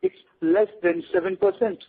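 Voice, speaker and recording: A man's voice: high-pitched, moderate pace. A man speaking as a guest on a radio show, lecturing emphatically. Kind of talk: radio interview. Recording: tinny phone line.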